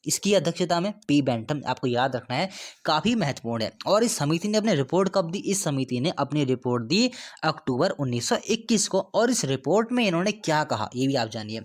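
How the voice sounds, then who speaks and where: A male teacher with a voice pitched a little above the usual delivers an exam-prep lecture. He keeps asking rhetorical questions and answering them, and he goes over each important date twice so it sticks. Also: sing-song, a little fast. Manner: explains step by step, repeats key dates, asks and answers his own questions.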